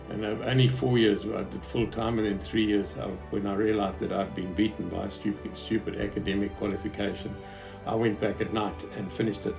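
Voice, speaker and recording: A Zimbabwean businessman in his seventies, with a Southern African accent, tells an interviewer his life story without a script. His voice is lowish and creaky, and his phrasing is hesitant, reflective and halting. The audio quality is poor.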